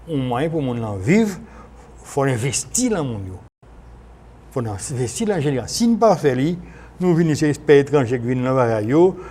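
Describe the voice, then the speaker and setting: This former senator speaks with a Haitian accent as a radio guest, moving between French and Creole in an unscripted discussion. He explains haltingly, with repetitions and self-corrections, in a dark, medium-pitched voice, captured on a noisy archival broadcast.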